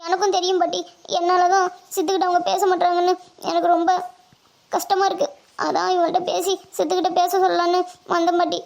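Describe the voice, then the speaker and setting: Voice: very high voice, level tone, fast talker, creaky, a little mellow. A performer voicing an upset young college girl in a cartoon, talking in a pleading, tearful, apologetic way. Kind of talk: cartoon voice acting.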